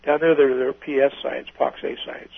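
A man's voice: mid-range voice, level tone, fairly quick, creaky, narrow, tinny audio. An older man, a retired pilot, telling folksy, rambling stories in an oral history interview, restarting his sentences often.

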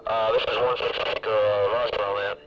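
A man's voice: on the low side, flat delivery, fairly quick. A man speaking as a field radio operator in clipped military procedure, his transmission breaking up, broken but readable. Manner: clipped call-sign talk, fillers before each call. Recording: crackling lo-fi field radio with loud static.

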